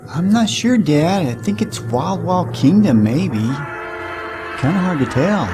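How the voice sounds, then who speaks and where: A man's voice: on the high side, lively intonation, a little slow, over music, pitched above the performer's own voice. A man voicing a hesitant young boy talking to his dad in a cartoon. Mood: unsure. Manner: hesitant, uncertain.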